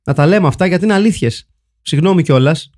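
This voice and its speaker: A man's voice: a little high, lively intonation, darkish tone. A man co-hosting a casual film podcast, joking dryly and reading out listener comments. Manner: dry ironic jokes, reads listener comments. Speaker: podcast co-host.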